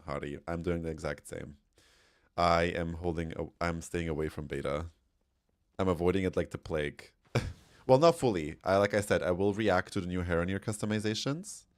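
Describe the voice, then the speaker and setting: A man's voice: low-pitched, no echo, studio quality. A young man with an Austrian accent chatting casually with his stream chat and laughing often.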